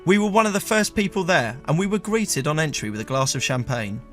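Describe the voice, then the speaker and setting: A man hosting a comedy podcast, telling a funny personal story in a dry, deadpan way and stumbling a little when teased. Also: on the high side, a little fast, faint music behind. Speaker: storyteller host. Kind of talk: comic storytelling with banter.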